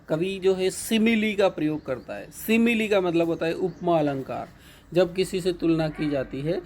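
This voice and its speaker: A male teacher giving a patient, repetitive lecture, reading each line of an English poem slowly and then explaining it in Hindi. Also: a little high, a little mellow, slight background noise.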